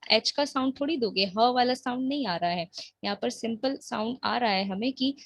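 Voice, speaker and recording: A woman teaching an English grammar lesson, explaining patiently and reading example sentences slowly. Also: fairly high pitch, no echo. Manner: patient, explains slowly, checks in with the listener often.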